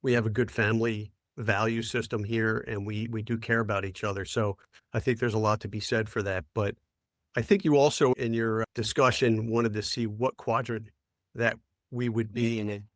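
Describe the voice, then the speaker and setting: A man's voice: on the low side, steady tone, moderate pace, no echo, studio quality. An American man in his fifties, a township manager speaking plainly and steadily in a roundtable discussion. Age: 50s.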